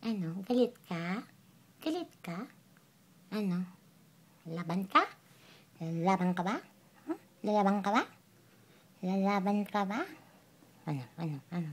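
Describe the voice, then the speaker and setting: A woman's voice: medium pitch, measured pace, long pauses. A woman, teasingly coaxing her pet in playful baby talk, with sing-song calls and giggles. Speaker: pet owner talking to her pet.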